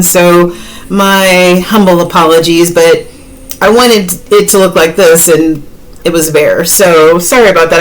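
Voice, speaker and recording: A woman's voice: mid-range voice, poor audio. A woman, chatting directly to viewers in a casual tarot reading, with many fillers. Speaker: tarot reader.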